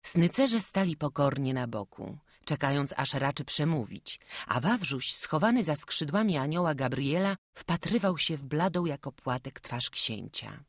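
Calm woman audiobook narrator. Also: low-pitched, dry recording. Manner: calm, measured storytelling. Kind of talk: scripted narration of a classic children's novel. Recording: dry close studio voice.

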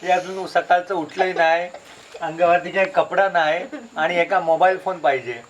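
A man's voice: high-pitched, fairly even intonation, normal speed, muffled recording, a little hiss or hum. A man with a Konkan Marathi accent vlogging casually outdoors, chatty and teasing as he shows things to his viewers. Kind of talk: casual village vlog narration. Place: outdoors in a village and forest. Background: insects and birds.

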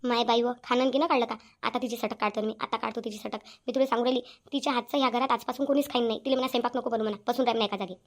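A sharp-tongued older mother-in-law from a cartoon, scolding at a breakneck pace in a high voice, as a woman puts her on. She fires accusing question after question and never lets up. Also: steady tone, racing, few pauses, close to an everyday voice. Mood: angry. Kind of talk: cartoon voice acting.

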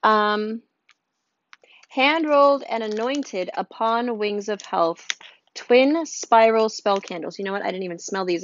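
Woman rambling thru an unboxing at home, reads stuff out loud, kinda dull dry audio. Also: mid-range voice, no room sound. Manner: chatty, rambling, reads items aloud with asides. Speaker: unboxing vlogger. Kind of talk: casual unboxing chat. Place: room at home, storm outside.

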